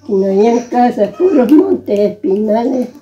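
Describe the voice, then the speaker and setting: A frail woman over a hundred, speaking with a rural Nicaraguan accent. Her voice sits a little high and is very dark and mellow in tone. She recounts memories conversationally, repeating herself, in a slightly muffled lo-fi recording. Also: lively intonation, normal speed, echoey room. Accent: rural Nicaraguan Spanish. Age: over 100, very old. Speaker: interviewee. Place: small brick room at home. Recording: dull lo-fi phone video sound.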